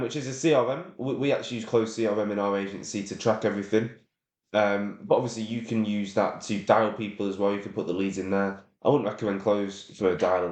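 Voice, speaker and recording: A man's voice: fairly low pitch, a little mellow, reverberant. A man teaching a course in a loose, casual way, full of "um"s and offhand swearing. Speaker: course instructor. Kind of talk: casual screen-share tutorial.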